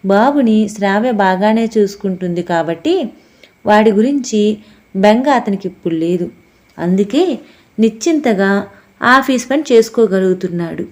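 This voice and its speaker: A woman narrating a family audiobook story in a steady, expressive storytelling manner. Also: medium pitch, normal speed, long pauses. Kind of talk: scripted narration.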